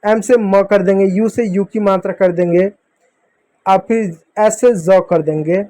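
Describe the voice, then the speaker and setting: High-voiced man teaching a phonics lesson. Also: fairly even intonation, measured pace, warm tone. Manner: repetitive, drilling, asks and answers his own questions. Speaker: English teacher. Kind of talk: explaining a phonics lesson to beginners.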